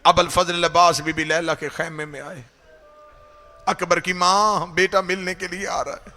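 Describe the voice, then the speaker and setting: A man, a cleric leading a mourning gathering, chanting a grieving sermon into a microphone that swells into loud wailing cries. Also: sits high, little pitch movement, a little slow, long reverb tail. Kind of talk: impassioned sung mourning sermon. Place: Karachi, gathering hall.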